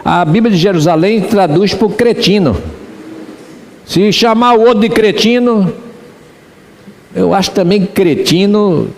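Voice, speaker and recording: A man's voice: high-pitched, measured pace, pauses often, big-room sound. A man pastor with a Rio de Janeiro accent, preaching a sermon in church and asking the congregation rhetorical questions. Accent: Rio de Janeiro Portuguese.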